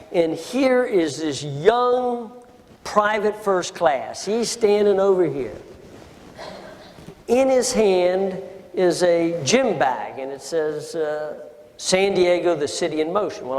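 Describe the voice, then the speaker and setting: A man's voice: fairly high pitch, a little mellow. A man telling an emotional personal story to an audience in an auditorium, with asides to the listeners. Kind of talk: storytelling speech. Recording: auditorium with long reverb.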